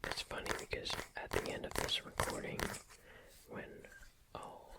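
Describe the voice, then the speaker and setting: An ASMR creator speaking entirely in a whisper, rambling casually and unhurriedly in a self-deprecating way. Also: measured pace. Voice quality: whispered, unvoiced. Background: crinkling bubble wrap and tapping.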